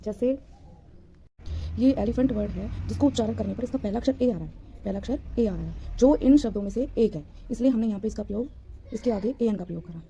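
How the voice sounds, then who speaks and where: A woman's voice: mid-range voice, quick pace, vocal fry, dark tone, slight background noise. A woman teacher giving a grammar lesson, patiently repeating points and answering her own questions.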